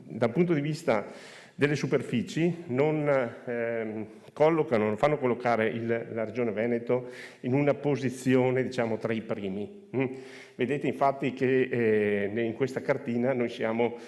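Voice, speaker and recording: A man speaking through a face mask in a halting way, presenting slides as an official at a conference. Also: medium pitch, a little mellow. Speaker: regional agriculture official presenting. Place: conference room with audience. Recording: reverberant hall.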